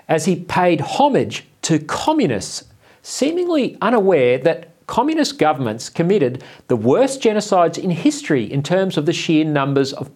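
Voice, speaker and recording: Male political presenter, Australian, fairly high voice, very varied intonation, scripted delivery. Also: a little mellow, slightly rough.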